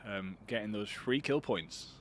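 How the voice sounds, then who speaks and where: A man's voice: lowish voice, measured pace, background noise. A man casting an online shooter match alone, chatty and rambling, with self-deprecating asides. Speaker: esports caster. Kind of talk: solo game commentary.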